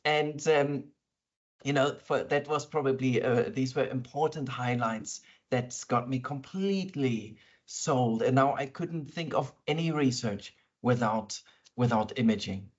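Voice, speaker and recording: A man's voice: mid-range voice, unhurried. A middle-aged man from Berlin, talking thoughtfully and enthusiastically in an interview, with many fillers. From Germany, East Berlin. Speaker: interviewed scientist. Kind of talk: conversational interview. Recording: dull lo-fi sound.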